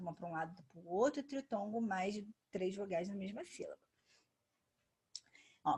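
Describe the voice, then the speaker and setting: A woman teacher giving a patient grammar lesson, saying example words slowly and twice. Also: mid-range voice, breathy edge. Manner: patient, says each example word twice.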